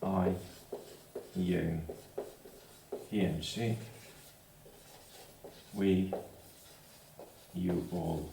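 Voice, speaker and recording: Slow gravelly man teaching grammar. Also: low-pitched, fairly even intonation, noisy background. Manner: repeats "okay?" after each point, spells out endings slowly. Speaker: language teacher. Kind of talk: slow grammar lesson with board work. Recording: echoey room, mic at a distance.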